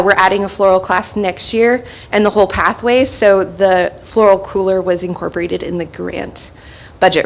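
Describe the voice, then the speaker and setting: A woman presenting a school farm plan at a board meeting, explaining with frequent fillers and a little out of breath. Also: medium pitch. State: slightly out of breath.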